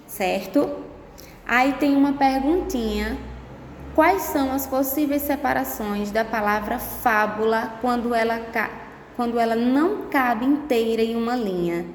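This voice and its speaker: Woman, primary teacher, slow patient remote lesson; echoey room with long reverb. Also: on the high side, slight background noise. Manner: slow, patient, with frequent tag questions. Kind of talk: remote lesson to young pupils.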